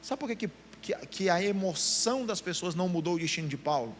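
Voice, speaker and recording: A man's voice: sits high, lively intonation, a little fast, faint music behind. A middle-aged man with a Brazilian Portuguese accent preaching a sermon to a meeting of pastors, acting out the voices he quotes. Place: church meeting.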